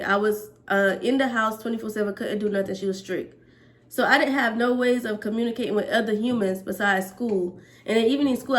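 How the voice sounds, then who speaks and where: A woman in her twenties, a hair braider, talking earnestly to camera about faith and work in a preachy, list-building way. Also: mid-range voice. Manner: earnest, preachy, speaks in repeated lists. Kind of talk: casual faith-based monologue to camera.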